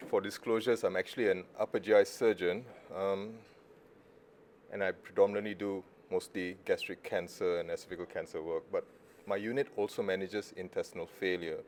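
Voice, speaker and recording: A man's voice: deep voice, fairly even intonation, a little fast, darkish tone, slight background noise. A middle-aged man from Malaysia, a surgeon giving a conference talk in a casual, joking way with self-deprecating asides. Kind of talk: conference presentation.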